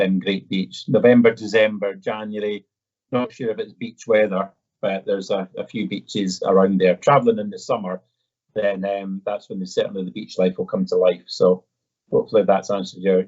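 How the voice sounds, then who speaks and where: Husky, low and darkish, this Edinburgh native's voice carries his Scottish accent through a casual live Q&A he's presenting. He's polite and conversational yet hesitant in delivery, and the recording is dull and a bit muffled.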